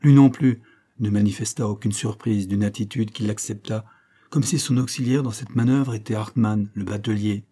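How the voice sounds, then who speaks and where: Man reading a novella out loud, low mellow voice, calm measured pace. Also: slightly rough. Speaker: audiobook narrator. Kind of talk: scripted literary narration.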